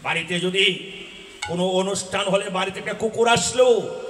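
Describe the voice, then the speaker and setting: A man, a folk religious storyteller who explains, quizzes his audience and bursts into shouts. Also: high-pitched, moderate pace, a little hiss or hum. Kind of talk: devotional folk drama preaching. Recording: echoey venue sound.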